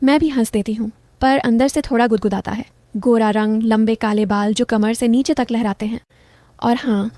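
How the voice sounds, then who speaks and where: Woman narrator for a first-person story; intimate, confiding read, warm mellow tone, dry booth sound. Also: on the high side, dry recording.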